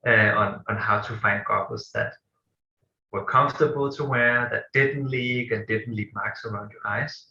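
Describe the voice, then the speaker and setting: Interviewed as a company co-founder, a Danish-accented man from Denmark in his thirties hesitates often, with many fillers and restarts. He speaks on the low side with a sharp tone, with slight background noise in an echoey room and dull lo-fi audio.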